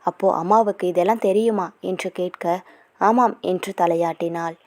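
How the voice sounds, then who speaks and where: A woman's voice: lowish voice, steady tone, moderate pace, warm tone. A woman narrating a romance novel as a story, reading all the characters' lines in her own voice with small shifts.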